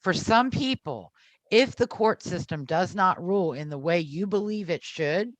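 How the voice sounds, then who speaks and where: A podcast co-host lays out points calmly and deliberately in a mid-range voice. The sound is dry and close to the mic. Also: medium pitch, dry recording, poor audio. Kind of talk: casual podcast discussion.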